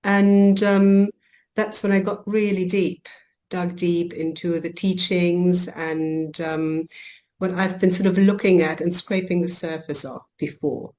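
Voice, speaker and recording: A woman who grew up in Germany talks through her work as a coach and healer in an interview. Her voice sits a little low for a woman. She speaks reflectively, pausing on ums and restarting phrases as she goes. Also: flat delivery, warm tone. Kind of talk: podcast interview.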